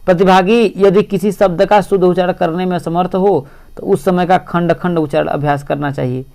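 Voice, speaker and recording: A man's voice: high-pitched, darkish tone. A male teacher giving an exam-prep lecture, explaining step by step and repeating "see" often.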